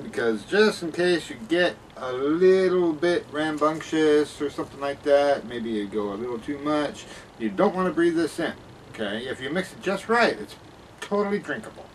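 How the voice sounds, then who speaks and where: A man's voice: a little high, expressive, moderate pace, lightly acted. A man playing a cheerful, careless science professor in a spoof 1950s kids' TV broadcast, explaining things in a folksy, rambling way. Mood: casual, careless. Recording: distant mic with room noise.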